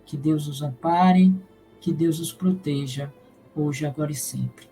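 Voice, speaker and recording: A man from Salvador, Bahia, giving a spiritist lecture and leading a prayer in a slow, solemn, measured way. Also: on the high side, dark tone, rough recording. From Salvador, Bahia, Brazil. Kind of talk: devotional lecture and prayer in a live stream.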